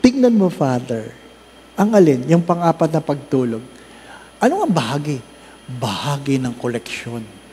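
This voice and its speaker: A man, a priest giving a recollection sermon, who tells humorous stories, asks the congregation rhetorical questions and slowly lists the works of mercy. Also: mid-range voice, very animated, mellow, big-room sound, a little hiss or hum. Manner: slow emphatic listing of works of mercy.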